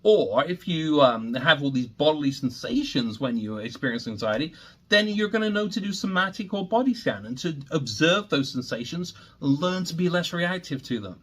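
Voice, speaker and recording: A man's voice: a little high, sing-song, normal speed, a bit bright. A man presenting as a meditation teacher, explaining techniques to viewers in an earnest, emphatic coaching manner with rhetorical questions.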